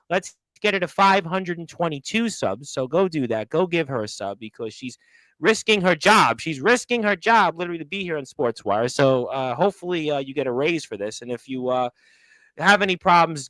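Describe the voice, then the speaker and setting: A man's voice: a little high, a bit bright, dry recording, low-quality recording. A man hosting a casual wrestling radio show, chatty and laughing often as he greets viewers in the chat. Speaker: podcast host.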